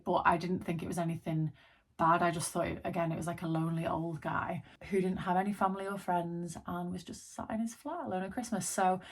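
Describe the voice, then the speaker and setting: A woman's voice: lowish voice, a little mellow. A hungover woman content creator chatting casually to camera, telling a personal story in an informal, rambling, self-deprecating way.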